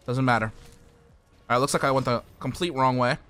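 A young man giving excitable live commentary while streaming a shooter game, swearing casually and talking to his chat and teammates. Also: medium pitch, brisk, faint music behind. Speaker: gaming streamer.

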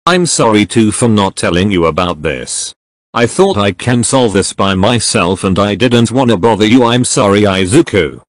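A man's voice: lowish voice, animated, moderate pace, dry recording, lightly acted. A man voicing a brash, hot-tempered young man who talks bluntly, in a fan comic reading. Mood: apologetic.

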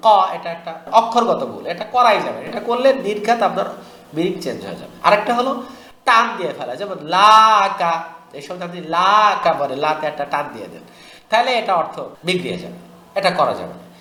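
Bright high-voiced man teaching recitation. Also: reverberant. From Bangladesh. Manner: drills syllables slowly, repeating each sound several times; explains in a conversational teaching tone. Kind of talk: online tajweed lesson.

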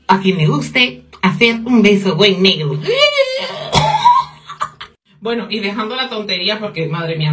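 Young girl spilling gossip on her vlog, giggly and foul-mouthed, mid-pitched voice. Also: fairly bright tone. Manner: giggly, gossipy, swears freely, slips in English phrases. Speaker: vlogger. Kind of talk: casual storytime vlog.

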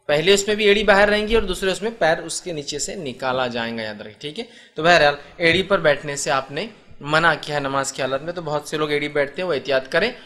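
Bright high-voiced man preaching. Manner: explanatory, asks the audience rhetorical questions. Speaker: Islamic preacher. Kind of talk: religious lecture.

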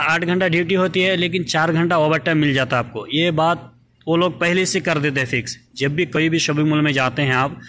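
A man's voice: a little high, fairly bright tone, slight background noise. Chatty man with a raised voice. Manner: chatty, frequent filler "theek hai" and "doston". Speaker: vlogger showing his supermarket job. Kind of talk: casual walk-through vlog. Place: supermarket aisles, indoors.

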